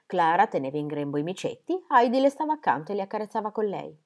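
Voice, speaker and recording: A woman reading a children's novel aloud with dramatic, expressive delivery. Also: medium pitch, fast talker. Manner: animated, dramatic. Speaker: reader.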